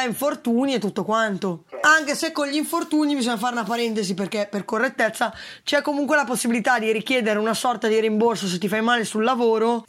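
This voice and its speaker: A woman's voice: fairly high pitch, fairly bright tone. A woman, a food delivery rider being interviewed, explains in casual, detailed, step-by-step conversation.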